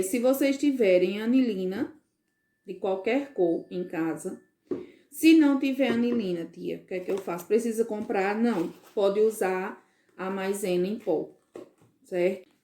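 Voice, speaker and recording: A woman teacher recording a home lesson for parents, patiently explaining and checking in with frequent questions. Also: mid-range voice.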